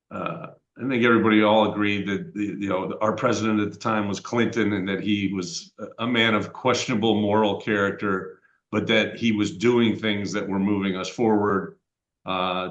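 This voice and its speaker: A man in his fifties, podcast co-host, chatting casually and reflectively with many fillers. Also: fairly low pitch. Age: 50s. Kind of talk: casual chat. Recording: echoey room, dull lo-fi sound.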